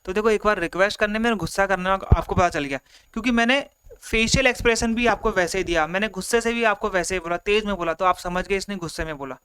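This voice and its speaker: A man's voice: high voice, fast, fairly bright tone, clear, resonant tone. A man teaching an online exam-prep lecture, explaining step by step, acting out examples and mixing in English terms. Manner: explains in simple repeated steps, acts out examples; mixes Hindi with English terms.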